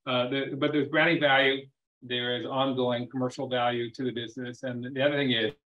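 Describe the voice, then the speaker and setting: On a web earnings call, a man speaking as company chairman presents semi-formally and off the cuff, haltingly repeating and rephrasing himself. His mid-range voice is flat, and the call audio is dull and lo-fi.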